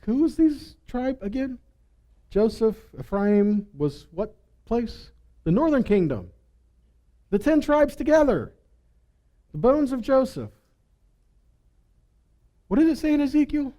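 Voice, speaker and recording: A Bible teacher gives a teaching sermon in a high-pitched, soft, mellow voice with a sing-song lilt, a slow pace, and frequent pauses. He alternates between reading scripture and explaining it, often asking rhetorical questions and checking in with his listeners.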